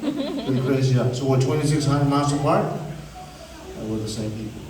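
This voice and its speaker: A man's voice: medium pitch, huge pitch swings, moderate pace. A man from Samoa hosting a cultural show, playful and teasing, laughing at his own jokes and leading the crowd in call-and-response. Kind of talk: joking live show presentation. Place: live show venue. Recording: echoey, distant, with noisy ambience.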